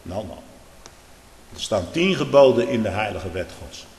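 A man preaching a sermon with great feeling, dropping to quiet earnest tones and then rising into loud outbursts, often repeating his phrases. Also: fairly low pitch, expressive, moderate pace. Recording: echoey church with long reverb.

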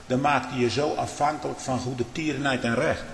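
A man preaching a sermon, swinging from hushed prayer to loud fervent exclamations, with frequent rhetorical "hm?" asides. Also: medium pitch, fairly even intonation, fairly quick, slight background noise. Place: church. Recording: echoey church hall.

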